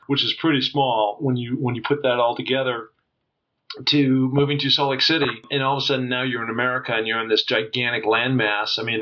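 A man hosts a podcast interview with plenty of energy, stumbling and restarting as he goes. His pitch sits in the middle range. The audio is a bit dull and lo-fi, as if from a modest home setup. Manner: energetic, with many restarts and fillers. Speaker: podcast host and former football player. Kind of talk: casual interview talk. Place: home base in Idaho.

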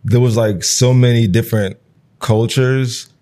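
This guest is a man in his thirties, born in Nigeria with Igbo as his first language, talking unhurriedly in a dark, medium-pitched voice with fairly even intonation. The interview is conversational, and his reflective speech is loose and full of "like" and "you know."

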